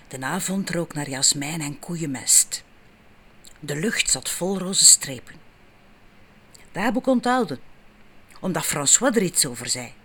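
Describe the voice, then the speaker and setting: A woman's voice: low-pitched, a bit bright, a little hiss or hum. A woman with a Flemish accent narrating a story in the first person, in a frank, wry and intimate way. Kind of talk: audiobook narration.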